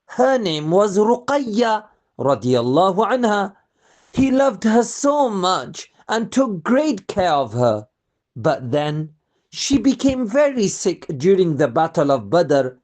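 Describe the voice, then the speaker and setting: Taking her time at a medium pitch, a storyteller expressively narrates a scripted religious tale for children and poses questions to the young listeners.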